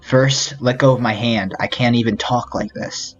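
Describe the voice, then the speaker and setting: A man's voice: mid-range voice, steady tone, moderate pace, lightly acted. A man voicing a tense, defiant young man held captive, close to his own voice, as he reads a visual novel aloud. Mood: strained. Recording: dull lo-fi audio with faint music.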